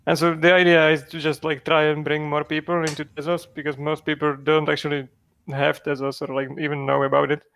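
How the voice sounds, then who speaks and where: Man, gravelly and fairly high. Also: level tone, a little fast, fairly bright tone, slight background noise. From Czechia. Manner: rambling, many fillers and restarts. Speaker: project founder. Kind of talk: casual interview answers.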